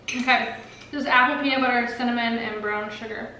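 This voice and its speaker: Woman, casual eating vlog host, chatty with a full mouth, bright tone, faint background noise. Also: a little high, steady tone, a little fast. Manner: chatty, talks while eating. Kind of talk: casual mukbang chat. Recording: echoey room, distant mic, faint noise.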